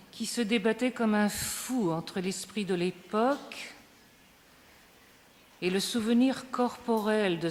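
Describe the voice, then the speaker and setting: A woman at a conference reading her prepared text aloud in a slow, measured, lyrical way, a little back from the microphone. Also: fairly low pitch. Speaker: conference speaker. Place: large conference hall. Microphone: microphone at a distance. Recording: reverberant hall, faint hiss.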